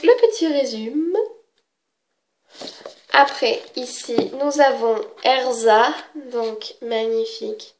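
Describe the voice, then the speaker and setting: A woman's voice: on the high side, a little mellow. A woman showing a book on camera in casual chat, gushing and often unsure of herself. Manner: chatty, gushing, unsure, self-correcting.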